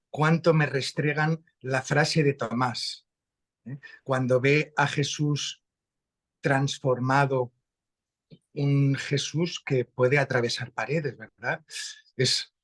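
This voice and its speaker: A man with an accent from Spain, explaining a Bible passage slowly and thoughtfully in a conversation over a video call. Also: medium pitch. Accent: Spanish from Spain. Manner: slow, reflective, animated rises when stressing a point. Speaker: guest speaker. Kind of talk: conversational religious teaching.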